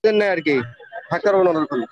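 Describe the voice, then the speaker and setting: A young male student speaking quickly and apologetically from outdoors over a breaking-up online call with crackling clicks. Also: high voice, no echo. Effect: breaking-up lo-fi online call line with crackling clicks. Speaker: student class representative. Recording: crackly lo-fi call audio from far off the mic.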